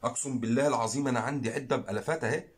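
A man with an Egyptian Arabic accent hosts a fishing channel, speaking at a racing pace in a mid-range voice. He makes an earnest, pleading appeal straight to camera, repeating phrases for emphasis.

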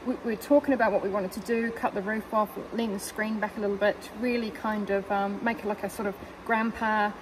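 A woman from New Zealand, a guest who owns the car, chats casually in a parked car, rambling about her vehicle with plenty of fillers and giggles. She talks a little fast in a medium-pitched, fairly even voice with hardly any pauses, and the background is noisy.

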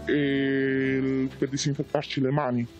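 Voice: mid-range voice, completely flat delivery, a little slow, lo-fi sound, soft background music. An anonymous care home worker in a news report, voice electronically distorted to hide identity, speaking bluntly and insistently.

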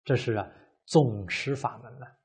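Slow husky man giving a dharma talk. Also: medium pitch, a little mellow. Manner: measured, drawn-out, many "ah" fillers. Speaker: Buddhist lecturer. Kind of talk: dharma lecture.

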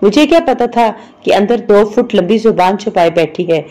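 Woman narrator voicing proud sharp-tongued mother, scolding, mellow low-toned voice, storybook reading. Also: natural voice. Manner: scolding, boastful.

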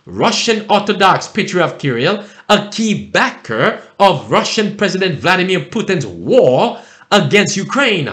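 A male preacher delivers a sermon in a high, lively voice that swoops up and down. He speaks slowly and stretches words out for emphasis as he reads scripture. The recording has a roomy echo. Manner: emphatic, drawn-out preaching cadence.

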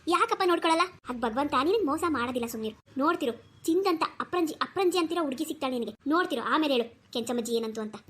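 Cartoon old grandmother, voiced by a woman, warm and preachy, high and fast. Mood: consoling. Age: older. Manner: warm, soothing, preachy, lively. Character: kindly talkative old grandmother. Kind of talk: cartoon voice acting.

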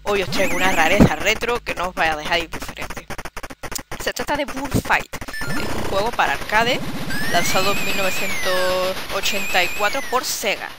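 A speaker with a Spanish accent from Spain giving casual gameplay commentary, chatty, swearing freely and shouting to cheer the game on. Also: medium pitch, moderate pace, very noisy. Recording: loud background game music.

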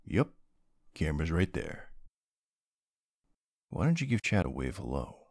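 A man's voice: a bass voice, very animated, unhurried, creaky, darkish tone, no echo, studio quality, exaggerated voice. A man playing a young streamer boyfriend in a role-play, chatting casually in a playful, teasing, easily flustered and affectionate way. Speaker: roleplay voice actor.

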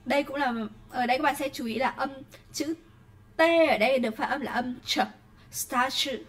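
A woman with a Vietnamese accent teaches an English class online in a high voice. She pronounces English words slowly and deliberately, then speeds up when she explains. She keeps checking in with her students as she goes. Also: steady tone.

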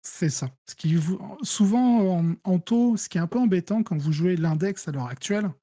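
A French-accented man talking through strategy for a tabletop wargame in a relaxed, mellow voice. He explains things step by step, trailing off into fillers and restarting his sentences. The sound is dry and close. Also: sits high, normal speed, no room sound. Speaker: guest player. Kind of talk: casual gaming discussion.

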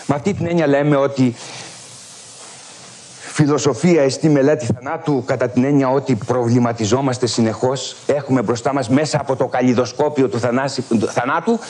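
Husky middle-aged man giving a lecture. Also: medium pitch. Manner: animated storytelling, emphatic and wordy. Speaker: philosophy professor. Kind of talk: university-style lecture. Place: lecture hall at a military school.

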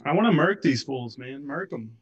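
A man's voice: mid-range voice, lively intonation, normal speed, muffled recording. A man playing in a tabletop game, talking bluntly and pushing to fight. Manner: blunt and gung-ho. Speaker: player.

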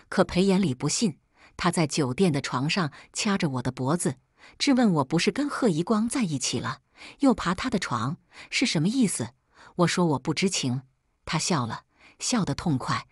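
A woman with a lowish, husky voice tells a first-person story, measured and sorrowful. The sound is close and dry, with no room around it. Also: no room sound. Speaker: story narrator.

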